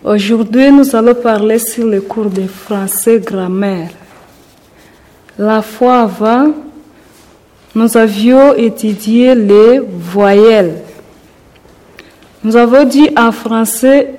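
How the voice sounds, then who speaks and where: Radio teacher going super slow, dark mellow voice, repeats everything. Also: mid-range voice, low-quality recording. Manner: slow, repeating each point. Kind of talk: radio school lesson.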